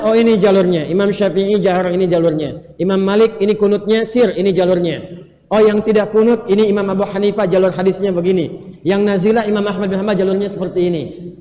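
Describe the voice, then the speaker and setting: A man preaching a lively sermon to a live audience, quizzing the listeners and chanting Arabic phrases. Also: high-pitched. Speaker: Islamic preacher. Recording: echoey hall, faint ambience.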